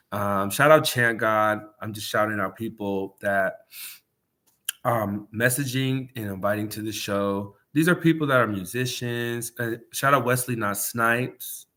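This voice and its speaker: Stuffy-nosed guy hosting a livestream, low-ish voice, rambling and cussing casually. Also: sharp tone. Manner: loose, rambling, sprinkled with swearing and slang. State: congested nose. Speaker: podcast host.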